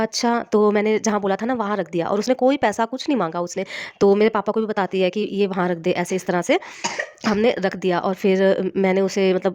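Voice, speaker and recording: A middle-aged woman with a cough and a hoarse throat, earnestly giving a grateful devotional testimony with many restarts. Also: medium pitch, darkish tone, dry recording, lo-fi sound.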